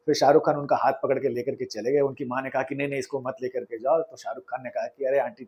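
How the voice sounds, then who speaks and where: A man's voice: mid-range voice, level tone, quick pace, highs cut off. A man telling behind-the-scenes film stories in a chatty, conversational way, retelling anecdotes with quoted dialogue and occasional hesitations. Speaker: storyteller host. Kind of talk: conversational storytelling.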